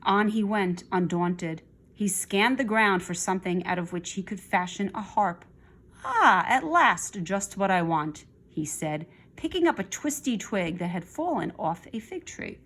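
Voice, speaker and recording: Reading a children's story aloud, a woman with a medium-pitched voice keeps an expressive, moderate pace and tosses in chatty asides to her young listeners.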